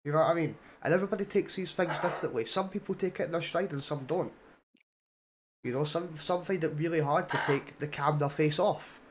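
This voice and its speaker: A man's voice: fairly high pitch, brisk, background noise. A man hosting a casual podcast chat, rambling and coaxing his guest with questions. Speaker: podcast host.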